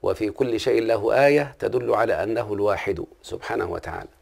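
A man with an Egyptian accent teaches a classical Arabic grammar lesson, often pausing to ask his listener check-in questions. His voice is lowish, fast, and darkish in tone, with vocal fry and a slightly rough edge.

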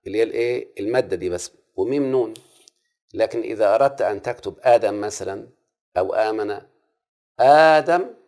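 Gravelly-voiced Egyptian man teaching a lesson. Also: mid-range voice, a little mellow. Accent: Egyptian Arabic. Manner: repeats rules and checks understanding with frequent questions. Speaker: teacher of Arabic prosody. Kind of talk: classroom lesson.

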